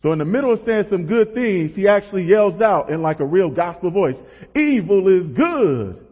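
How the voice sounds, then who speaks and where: A man with a fairly high voice preaches in a loose, conversational way, tossing rhetorical questions to his listeners. His voice rings out with a long reverb tail, as if in a large hall. The recording sounds dull and lo-fi. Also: a little fast. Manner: relaxed, asks the audience rhetorical questions. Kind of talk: casual conversational sermon.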